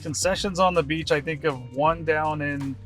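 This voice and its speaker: An American man with a slightly high voice chats as a podcast host. His delivery is informal and conversational, and light music plays behind him. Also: steady tone, moderate pace, fairly bright tone. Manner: informal, conversational, self-deprecating. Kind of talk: casual interview chat.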